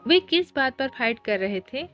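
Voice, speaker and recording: A flustered, prickly teenage girl from a romance storybook, put on by a woman narrator. She answers teasing with quick, indignant, embarrassed retorts in a slightly high voice. Soft music sits under her lines. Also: expressive.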